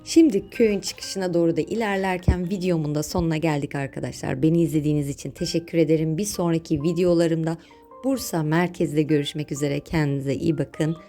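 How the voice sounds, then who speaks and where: Woman doing travel vlog voiceover, deep mellow voice, informative, talks to viewers like friends. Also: steady tone, fairly quick, faint music behind. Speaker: travel vlogger and narrator. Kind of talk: scripted travel vlog narration.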